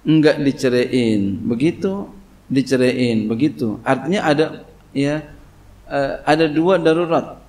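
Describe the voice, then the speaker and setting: Here a man with a mid-range, slightly mellow voice teaches tafsir as an Islamic cleric. In this kitab study sermon he slowly reads Arabic, then explains it casually in Indonesian, often tossing in "ya."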